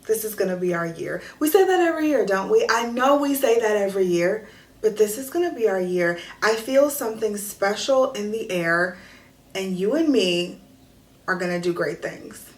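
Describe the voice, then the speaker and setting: Energetic woman vlogger in an echoey room. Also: medium pitch, moderate pace, far from the mic. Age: 30s. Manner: energetic and chatty, hyping viewers up. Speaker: lifestyle vlogger. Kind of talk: upbeat direct-to-camera vlog chat. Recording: echoey room with faint music.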